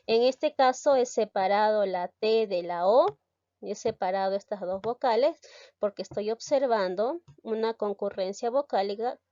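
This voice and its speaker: A woman's voice: mid-range voice, darkish tone, dry recording, highs cut off. A woman teaching a grammar lesson, explaining step by step and stressing key syllables.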